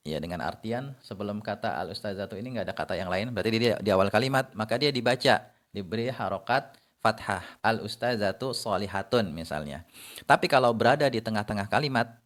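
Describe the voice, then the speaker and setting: A man giving a casual spoken lesson on reading Arabic, who explains slowly, repeats each example and often adds "ya". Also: on the low side, fairly bright tone. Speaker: Arabic teacher.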